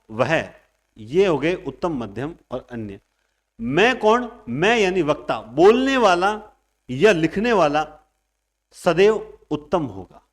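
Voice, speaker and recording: A man teaching grammar, emphatic and lively, acting out students' questions and everyday examples. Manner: lively, emphatic, stresses words with big pitch and loudness swings. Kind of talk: online exam-prep lecture.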